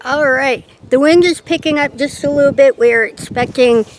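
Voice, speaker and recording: A woman's voice: sits high, normal speed, low-quality recording. A woman hosting a casual garden tour outdoors, chatty and homespun, a little out of breath as she walks. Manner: chatty, homespun, says "yeah" a lot. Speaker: channel host. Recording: faint outdoor noise and wind.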